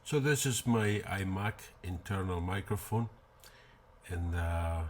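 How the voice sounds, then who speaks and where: A woodworking channel host with a Mexican accent speaks slowly in a deep voice, with a little hiss or hum on the audio. Unboxing and reviewing a microphone in his shop, he rambles casually, mocking himself dryly and leaning on fillers.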